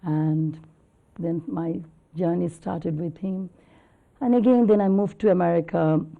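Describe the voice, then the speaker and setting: A woman's voice: lowish voice, steady tone, a little slow, creaky, phone-quality sound. A woman in her fifties, a classical singer talking earnestly in an interview with loose, rambling phrasing. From Bangladesh. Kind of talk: conversational interview.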